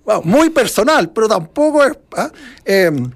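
A man's voice: high voice, big pitch swings, measured pace. A middle-aged man with a Chilean accent, an author answering interview questions in a rambling, reflective way full of restarts. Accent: Chilean Spanish. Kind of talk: casual interview conversation.

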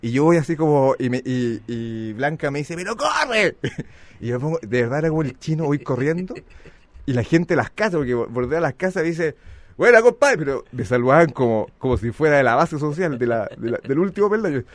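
A middle-aged man with a Chilean accent, telling comic stories in lively banter. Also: medium pitch, fairly quick, no room sound. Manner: lively storytelling, mimics voices.

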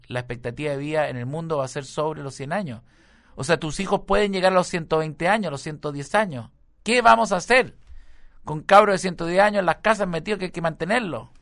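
A middle-aged man with a Chilean accent telling a rambling comic story about being a father, full of slang and loud acted-out voices. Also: fairly high pitch, gravelly, no room sound, studio quality. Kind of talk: stand-up storytelling monologue.

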